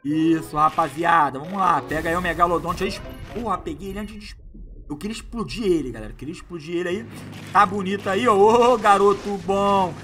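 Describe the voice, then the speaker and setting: Bright excitable gamer guy. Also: high-pitched, brisk, soft background music. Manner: excitable, slangy, hypes up viewers. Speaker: gaming youtuber. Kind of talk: live gameplay commentary.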